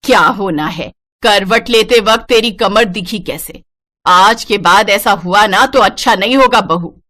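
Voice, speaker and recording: In this cartoon voice-acting clip, a woman gives a sharp, mid-range read at a measured pace, with no room sound. Her character is an old-fashioned mother-in-law in a family cartoon who nags, disapproves and scolds with indignation.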